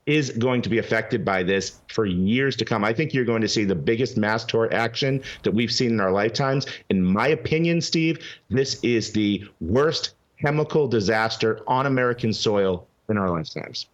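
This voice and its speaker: On a talk show, a man representing a legal advocacy group speaks as a guest in an animated call-in interview, urgent and emphatic, frequently restarting his sentences. His fairly low voice moves at a moderate pace with few pauses, and the audio sounds dull.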